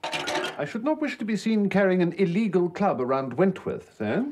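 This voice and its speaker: An actor playing a formal, measured and deferential English valet. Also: male voice, high voice, big pitch swings, noisy background. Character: unflappable, dignified gentleman's valet.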